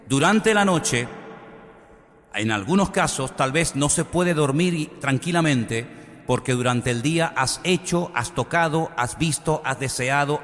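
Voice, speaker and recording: A pastor preaching a sermon, reading scripture aloud with dramatic rises and drops in his voice. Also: big-room sound. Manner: dramatic preaching with sudden swings in pitch and loudness.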